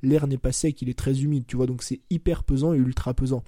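A French man in his twenties hosts a casual solo podcast from home, chatty, loose and informal, constantly saying "tu vois" and "bah" and correcting himself. His medium-pitched voice has a steady, dark tone and a slightly fast pace. The studio-quality audio has no room sound.

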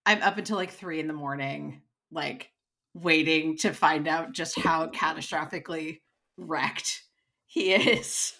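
Female podcast co-host, bright and lowish voice, rambly and chatty. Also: measured pace. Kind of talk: casual chat.

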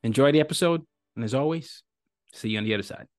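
A man's voice: mid-range voice, fast talker, faint music behind. Nigerian-born man hosting a podcast. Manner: animated, conversational, with frequent fillers. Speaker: podcast host. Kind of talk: interview podcast.

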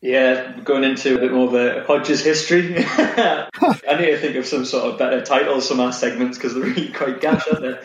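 A man's voice: mid-range voice, normal speed. A man co-hosting a casual football podcast, laughing often as he reels off old season stats. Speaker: podcast co-host presenting a history segment. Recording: roomy, dull lo-fi sound.

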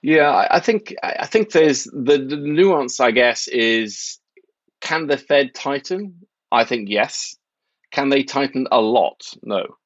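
A man from Norway who covers markets, speaking in a wry, measured, articulate way as an interview guest. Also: mid-range voice, expressive, no echo, lo-fi sound. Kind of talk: conversational interview.

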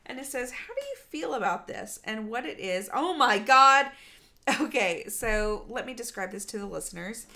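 A woman's voice: mid-range voice, sing-song, normal speed, gravelly, hardly any pauses, a bit bright, echoey room. A woman co-hosting a podcast in casual chat, laughing often and trailing off with fillers. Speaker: podcast co-host.

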